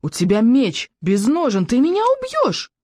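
A woman voicing a stubborn young Viking boy hero, strained and pleading, rising to high yelps. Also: expressive, moderate pace, warm tone, husky, no echo, studio quality. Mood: alarmed.

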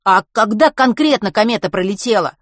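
A woman's voice: mid-range voice, expressive, a little fast, no room sound, studio quality, voice pushed up, natural voice. A woman voicing an anxious, eager teenage schoolboy who questions people urgently, reading an audiobook.

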